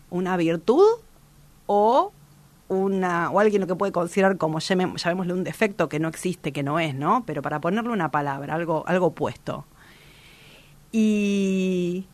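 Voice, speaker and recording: A woman's voice: fairly low pitch, no echo. A woman radio host, giving a reflective motivational talk in a strong, powerful voice, direct and vehement with many restarts.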